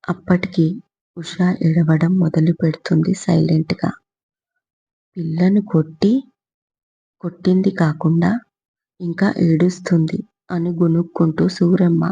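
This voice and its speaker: A woman narrating a romantic story in a steady, even reading. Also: lowish voice, gravelly, breathy edge. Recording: muffled lo-fi recording.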